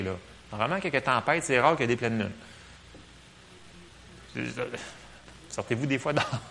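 Man, Québécois French accent, casual sermon, lively and joking, bright tone. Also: medium pitch, gravelly. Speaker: preacher. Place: church.

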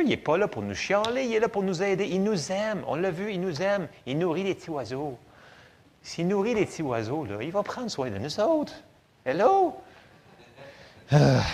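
Animated Quebec French preacher. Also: male voice, sits high. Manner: animated, conversational preaching with sudden loud bursts. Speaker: pastor. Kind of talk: sermon.

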